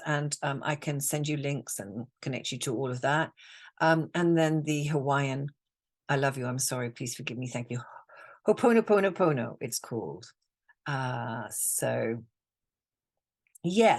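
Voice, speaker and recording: A woman coach from the UK leads a spiritual webinar, talking slowly and soothingly and repeating phrases like a mantra. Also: low voice. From United Kingdom. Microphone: computer mic on a video call.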